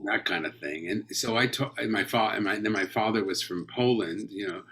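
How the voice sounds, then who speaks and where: A man's voice: fairly low pitch, a little fast, fairly bright tone, slightly rough. A man from Los Angeles, an actor guest in a casual interview, telling rambling, anecdotal stories full of tangents. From Los Angeles, California.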